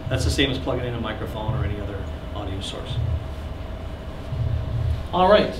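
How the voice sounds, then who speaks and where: Fairly low and expressive, this thirtysomething instructor talks at a moderate pace as he runs a recording workshop, chatting about equipment and trading jokes with people seated in a small classroom while he gestures. The echoey, noisy audio comes from a camera placed at the back of the room.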